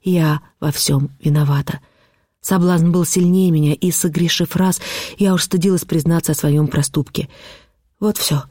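A desperate, defiant young woman confessing in an audiobook, as a male reader puts her on. The voice is a little high and dark in tone, recorded close and dry. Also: steady tone, normal speed, no echo, natural voice. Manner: urgent, confessional.

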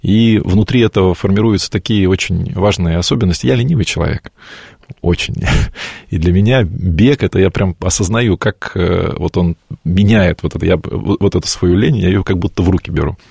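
A man in his late forties answers an interview question slowly and reflectively, often pausing to find the right word. His voice sits low and has a gravelly edge with some huskiness in it. The sound is dry and close. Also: a little mellow, no room sound. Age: 40s. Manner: thoughtful, searching for words, breaks off and restarts. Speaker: guest.

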